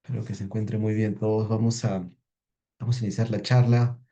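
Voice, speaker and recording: Man, webinar host, lowish voice, warm mellow tone, halting and repetitive. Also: level tone, muffled recording. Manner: halting, with repeated words and fillers. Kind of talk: introducing a speaker. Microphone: video call.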